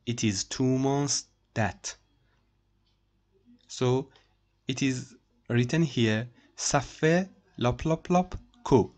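Male French tutor, unhurried, mid-pitched, repeats and translates, typing heard. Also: darkish tone. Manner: slow, repeats each phrase and translates it. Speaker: French teacher. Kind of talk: screen-share language lesson.

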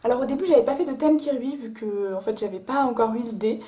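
A woman chats casually about her artwork, leaning on fillers and short pauses. Her voice sits fairly high with a mellow, soft tone. The room is echoey. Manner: chatty, many fillers like euh and voilà. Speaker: artist presenting her drawings. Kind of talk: casual chat.

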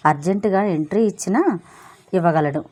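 Woman voicing an excitable young man. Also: lowish voice, normal speed, lightly acted. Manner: exclamatory, mixes English words.

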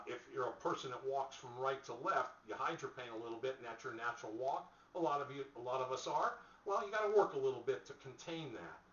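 Middle-aged male instructor, bright and forceful, plain-spoken tips; dull, echoey webcam recording. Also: medium pitch. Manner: plain-spoken coaching, with fillers and restarts. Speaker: bowling instructor. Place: small indoor room, seated in a chair. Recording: echoey room, distant mic, dull lo-fi sound.

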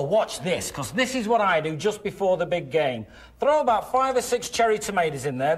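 Upbeat middle-aged husband, emphatic hard-sell ad pitch, faint background noise. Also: male voice. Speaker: infomercial co-host. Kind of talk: hard sell ad, scripted demonstration. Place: studio kitchen set.

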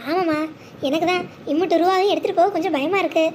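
A woman playing a nervous village husband in a cartoon, voiced unusually high and brisk. He keeps his voice low and secretive, full of worry. A faint hiss sits under the voice. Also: steady tone, darkish tone. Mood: hushed. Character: anxious middle-aged village husband, cautious and secretive. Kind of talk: animated storytelling.

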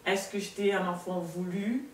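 A woman's voice: on the low side, moderate pace. A woman in her thirties telling her personal faith testimony as a talk show guest, earnest and hesitant with many restarts. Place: studio set with sofa, indoors. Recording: roomy, distant, faint room noise.

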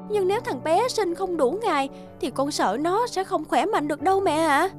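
A woman voicing a timid, worried young expectant wife who pleads softly in a cartoon. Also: very high voice, animated, moderate pace, faint music behind.

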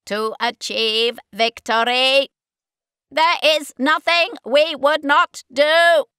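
A woman voicing cold, hateful alien war machines in an audiobook, barking slow, clipped commands. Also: high-pitched, bright, forceful tone, no room sound, clean studio sound, pitched above the performer's own voice, exaggerated voice. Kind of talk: audiobook character voice.

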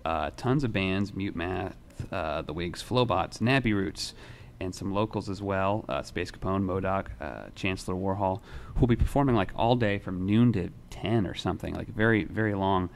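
Deep-voiced young man, relaxed newsroom host. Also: normal speed, creaky, few pauses, slight background noise. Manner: relaxed, rambling, many fillers and restarts. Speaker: music writer and show host. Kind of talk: casual newsroom chat. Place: newsroom studio. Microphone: desk microphone.

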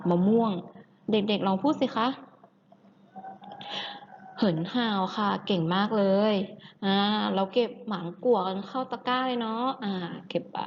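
A woman's voice: medium pitch, muffled recording, slight background noise. A woman teacher leading a children's language lesson, coaxing and sing-song, asking the class questions and having them repeat words.

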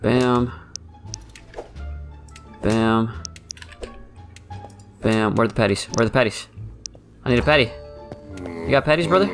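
A man's voice: mid-range voice, measured pace, pauses often, faint music behind. A man giving frantic let's play commentary, talking to his viewers and repeating words under pressure. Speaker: gaming YouTuber.

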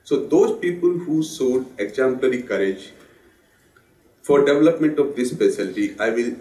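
A man with a husky voice, hoarse from a sore throat and flu, giving a formal memorial lecture in a measured, earnest way. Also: mid-range voice, animated, dark tone, recorded from a distance. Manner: measured, earnest, with pauses and restarts. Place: lecture hall. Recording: roomy hall sound, speaker off the mic.

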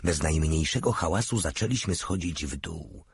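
A man narrating an audiobook in a steady, measured manner. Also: very deep voice, vocal fry, slight background noise.

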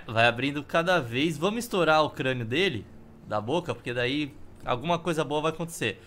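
A man's voice: a little high, expressive, brisk, a bit bright, slight background noise. A Brazilian man casually commentating a video game as he plays, with wry, offhand humour. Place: indoor room. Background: game music.

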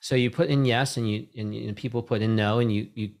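A man's voice: medium pitch, fairly even intonation, brisk, creaky, a little mellow. A middle-aged man hosting a casual video call conversation from a home room, talking in loose, rambling sentences full of "right?" tags and restarts. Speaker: host. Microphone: desk microphone on boom arm.

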